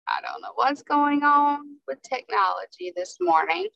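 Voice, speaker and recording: A woman co-hosting a casual chat over a lo-fi video call connection, chatty and quick to laugh. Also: sits high, expressive, creaky, no room sound. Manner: chatty, laughs easily, repeats words. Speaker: co-host.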